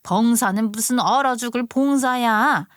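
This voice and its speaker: A domineering older mother-in-law, put on by a woman, snapping out contemptuous orders in a radio story drama. Her voice sits a little high and is recorded dry and close, with no room around it. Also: unhurried, smooth, no room sound, lightly acted. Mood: scornful. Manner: scolding, bossy and scornful.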